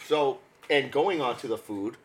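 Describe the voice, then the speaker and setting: Speaking a little slowly at medium pitch, a young man from New co-hosting a food podcast tells stories animatedly in casual chat. He laughs often and gets loud when excited, and the recording is rough.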